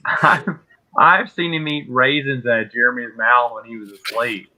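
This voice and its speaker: A man's voice: medium pitch, a little slow, pushed and bright, low-quality recording. A man telling jokey stories in a casual group video chat, laughing as he goes. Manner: joking storyteller, laughs often.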